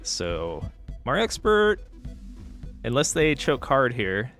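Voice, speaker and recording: A man's voice: medium pitch, wildly swooping pitch, slow, a bit bright, faint music behind. A man hosting a live stream, casually commentating game matches and chatting with players, thinking aloud with fillers. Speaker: stream host and match caster.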